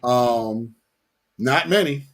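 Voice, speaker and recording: Husky, laid-back man in casual chat. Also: mid-range voice, very slow. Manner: slangy, laid-back, repeats phrases.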